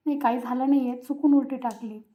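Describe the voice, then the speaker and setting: A woman voicing a quiet, withdrawn young wife in a soft, subdued tone. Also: high voice, steady tone, fast talker, natural voice. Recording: tinny phone-like sound.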